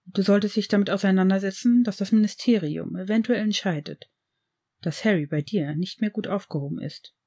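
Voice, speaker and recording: A woman reading the part of an old male headmaster, grave and gentle, in an audiobook of fan fiction. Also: mid-range voice, breathy edge. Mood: earnest. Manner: earnest, measured, reproachful.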